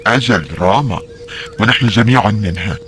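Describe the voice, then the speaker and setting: A man's voice: on the low side, brisk, a bit bright, a little hiss or hum, natural voice. A man playing stern ancient Roman soldiers and officers in an audio drama. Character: gruff Roman soldiers and commanding officers, adult men.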